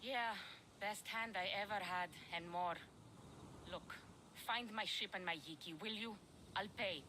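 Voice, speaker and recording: A woman playing a gruff, foul-mouthed ship captain in a video game, curt and irritable. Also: medium pitch, measured pace, noisy background, close to an everyday voice. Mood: weary, pleading.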